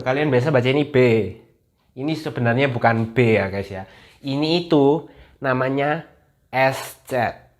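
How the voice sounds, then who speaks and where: A young man runs a casual video lesson in a mid-pitched voice. He talks in a chatty way and repeats each letter slowly so viewers can follow along. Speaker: language teacher.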